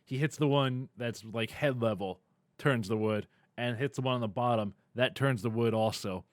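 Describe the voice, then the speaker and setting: A man narrates a tabletop game as game master, rambling through the scene and laughing between lines. His pitch sits in the middle range. The sound is dry and close. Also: moderate pace, no echo.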